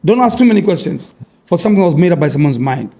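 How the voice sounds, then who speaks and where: Animated high-voiced man joking. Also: fast. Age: middle-aged. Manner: animated, joking, laughs often. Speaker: guest comedian. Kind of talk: casual podcast banter.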